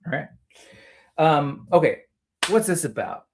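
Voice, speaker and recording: A man's voice: on the high side, big pitch swings, measured pace, gravelly, a little hiss or hum. A man hosting a casual solo livestream about toy collecting, rambling and often interrupting himself with self-deprecating asides.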